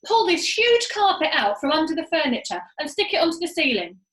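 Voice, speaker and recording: A woman voicing a bossy, impatient monkey father in a storybook, shouting frantic orders. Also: very high-pitched, very animated, a little fast, echoey room, pitched above the performer's own voice, exaggerated voice. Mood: excited.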